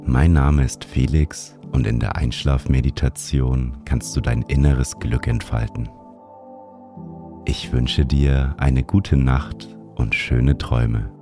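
A man narrating a sleep meditation like a bedtime story narrator, guiding the listener gently and soothingly. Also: a bass voice, fairly even intonation, slow. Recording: music behind the voice. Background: music.

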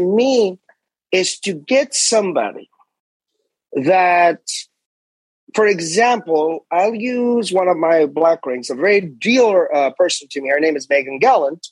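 A man's voice: high voice, husky, dry recording, poor audio. A middle-aged man, a martial arts instructor, telling stories as an interview guest in an intense, emphatic way and acting out his own commands. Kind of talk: animated storytelling in an interview.

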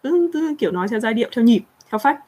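A young woman hosting a casual live chat, answering viewer questions in a chatty, animated way. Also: a little high, quick pace. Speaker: livestream host.

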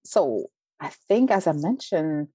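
A woman, from Belgium, speaking earnestly and in a measured way as an interview guest, often saying "like". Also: deep voice, animated, dark tone, breathy edge, no room sound, rough recording. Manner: earnest, measured, frequent "like" fillers. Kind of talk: interview conversation.

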